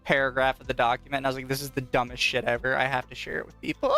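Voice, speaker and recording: With a medium-pitched voice and flat delivery, this podcast co-host races through casual conversation. He often reads aloud, mocks freely, curses, and breaks into easy laughter while soft music plays underneath.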